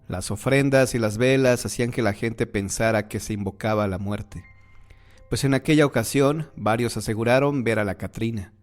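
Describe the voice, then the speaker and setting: A man narrating horror stories in a measured, scripted storytelling manner. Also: medium pitch. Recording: faint music behind the voice.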